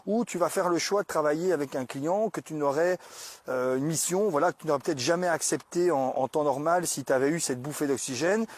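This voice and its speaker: A man hosting a podcast, talking through business ideas in a casual, colloquial way, often pausing and restarting as he speaks directly to the listener. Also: fairly high pitch, no echo. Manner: hesitant, many pauses and restarts. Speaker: podcast host.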